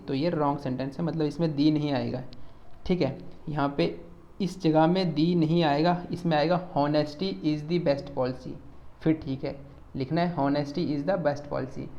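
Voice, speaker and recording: A man teaching an exam-prep grammar lecture. He repeats each rule patiently, reads example sentences slowly and checks in with "theek hai" after nearly every point. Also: fairly high pitch, darkish tone. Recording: slightly dull lo-fi recording.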